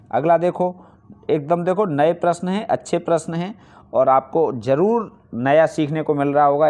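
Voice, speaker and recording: This man's mid-range voice is a little mellow as he leads an online exam-prep class on Hindi spelling. Working through each answer step by step, he asks questions only to answer them himself, and he drives key points home by repeating them.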